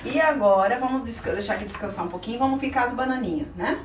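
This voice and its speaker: In a small home kitchen, a middle-aged woman with a fairly high voice talks at a quick pace over a noisy background, patiently coaxing and encouraging a child while explaining the steps to viewers. The chatty cooking show host, who is also the child's aunt, leads a casual cooking demo indoors. The camera is held by a helper a few feet off, giving a roomy, distant sound with music underneath.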